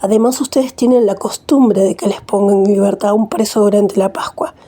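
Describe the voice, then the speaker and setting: A woman's voice: mid-range voice, fairly even intonation, a little fast, dark tone, breathy edge, lightly acted. A woman reading as a stern Roman governor. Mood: questioning. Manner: read plainly in the reader's own voice.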